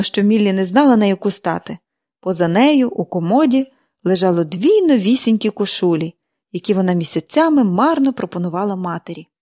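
A woman narrating a children's novel in an expressive, measured reading voice. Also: mid-range voice. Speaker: audiobook narrator. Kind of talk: storybook narration.

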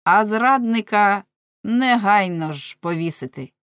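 A woman's voice: mid-range voice, expressive, measured pace, clear, resonant tone, no echo, clean studio sound, voice pushed up, close to an everyday voice. Woman playing a stern, commanding admiral. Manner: commanding, formal. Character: stern older male fleet admiral.

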